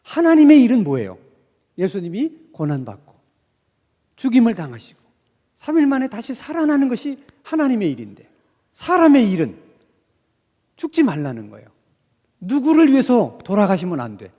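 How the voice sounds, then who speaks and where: Man, pastor, sermon, high voice, mellow tone, long church reverb. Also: moderate pace, pauses often. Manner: animated, acts out quoted speech of disciples and Jesus. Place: church sanctuary. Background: reverberant church hall.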